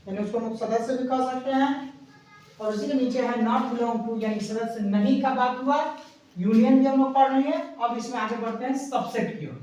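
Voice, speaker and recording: A woman teaching an exam-prep maths lesson at a board. She explains step by step, repeats herself and counts numbers aloud slowly. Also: high voice. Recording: echoey room, voice far from mic.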